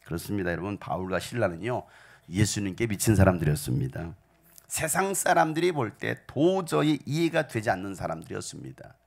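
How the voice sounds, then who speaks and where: Man preaching in church, gravelly voice, pitch jumps all over, whispers then shouts. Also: big pitch swings, a little fast. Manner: dynamic preaching, swinging between hushed whispers and loud shouts. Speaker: pastor. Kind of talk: sermon. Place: church sanctuary.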